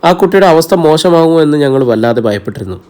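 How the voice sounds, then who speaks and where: A man voicing a confident, calm male doctor in a novel reading. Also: fairly high pitch, quick pace, clear, resonant tone, lightly acted. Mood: reassuring. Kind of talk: audiobook character reading.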